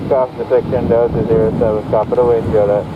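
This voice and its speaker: A male pilot talks through his cockpit headset, the radio sound muffled and thin. His readbacks come short and clipped in set radio phrases, half buried under loud static. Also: mid-range voice, little pitch movement, fast talker. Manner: terse, brief readbacks. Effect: pilot speaking over the cockpit headset radio. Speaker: airplane pilot.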